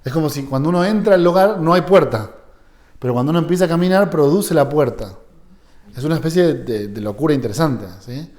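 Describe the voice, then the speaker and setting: A fairly high-voiced man teaching a seminar. His tone is dark and mellow. He keeps checking in with his listeners and briefly acts out imagined exchanges. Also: expressive, fast. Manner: conversational, asks the audience for agreement, acts out short quoted dialogues. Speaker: seminar lecturer on psychoanalysis. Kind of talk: live seminar lecture.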